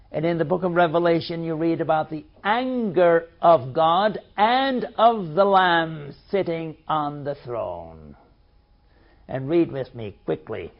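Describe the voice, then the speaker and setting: Emphatic man preaching, slow and lively. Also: a little high. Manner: emphatic, reading scripture aloud with commentary. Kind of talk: sermon, Bible teaching. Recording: dull lo-fi recording.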